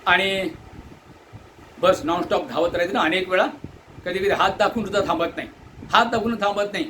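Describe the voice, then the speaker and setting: A man from delivers an earnest complaint monologue, asking indignant rhetorical questions and mimicking shouted orders. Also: high-pitched, brisk, a little hiss or hum, low-quality recording. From India. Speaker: Buddhist monk airing commuter complaints. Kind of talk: direct-to-camera complaint monologue.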